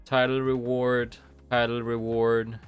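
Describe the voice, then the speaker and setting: In a home room with rain outside, a man streams a game and chats casually, rambling and restarting as he thinks aloud. A slight cold gives him a nasal sound; his medium-pitched voice is monotone, slow, and clean, with faint music behind.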